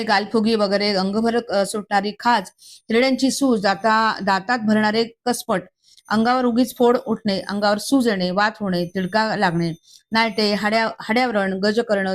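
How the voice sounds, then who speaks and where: A woman reads a Marathi scripture commentary aloud at an even, measured rate, her medium-pitched voice sitting in an ordinary middle register. Working through a long list in this devotional text, she makes small slips and restarts.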